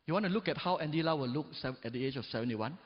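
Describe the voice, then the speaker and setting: Speaking rapid-fire with lively intonation and a breathy edge, a forties-aged man delivers a motivational talk on stage. He's emphatic, rising loud and dropping low, and repeatedly asks the crowd "right?" or "yes or no?" The capture is dull, in a big, reverberant hall.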